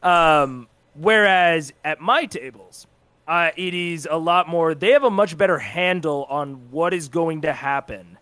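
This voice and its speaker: A man who is a content creator and game master chats casually as an interview guest, explaining informally how he runs tabletop games. His voice is a little high and slightly slow, pushed and bright, with a clear, resonant tone. The recording is dry.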